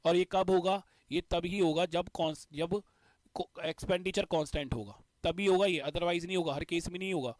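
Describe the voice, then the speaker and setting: A man's voice: high voice, normal speed, no echo. A male teacher explaining a math concept step by step, repeating the key points. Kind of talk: exam-prep math lesson.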